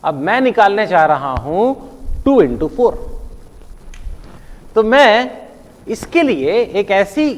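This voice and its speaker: A male teacher walks his class through a math lesson with a playful, animated manner. His voice sits high and swings widely in pitch. The recording carries a long reverb, like a big room. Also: slow, pauses often. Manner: playful, animated, counts aloud, checks in with "है ना?".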